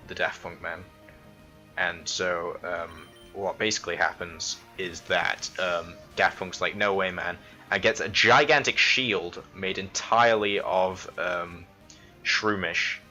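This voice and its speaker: Young man, from the Isle of Man, low voice, bright edge, rambling let's-play chatter, faint music behind. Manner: rambling, full of fillers, spins absurd made-up stories. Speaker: gaming commentator. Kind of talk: casual let's-play commentary.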